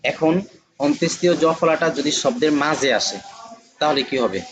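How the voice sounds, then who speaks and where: Man teaching a class, slow and patient, keeps repeating example words. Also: on the high side, low-quality recording. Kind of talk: classroom lesson on Bengali spelling.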